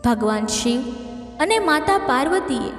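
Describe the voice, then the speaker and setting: A woman reading a scripted devotional story in a steady, measured way. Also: high voice. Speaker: narrator. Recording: echoey reverb, faint music behind.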